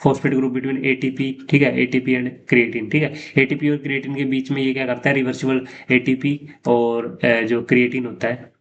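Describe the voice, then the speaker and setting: A man's voice: mid-range voice, flat delivery, moderate pace. A man teaching exam questions in a casual explaining style, often repeating "theek hai" and mixing in English terms. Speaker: lab technology teacher. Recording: dull lo-fi sound with faint noise.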